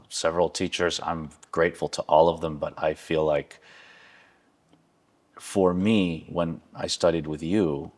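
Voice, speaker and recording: A man, a violinist interviewing his former teacher, talking eagerly and haltingly, with many restarts. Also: low voice. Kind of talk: conversational interview.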